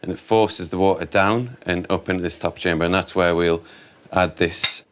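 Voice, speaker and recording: Low-voiced relaxed male barista. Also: normal speed, noisy background. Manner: relaxed, hesitant with fillers. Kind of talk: casual interview. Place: coffee shop.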